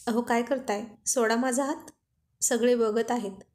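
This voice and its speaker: A woman's voice: a little high, fairly even intonation, a little slow, a little mellow, lightly acted. A woman voicing a bashful young newlywed wife, in a storybook reading. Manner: bashful, coy.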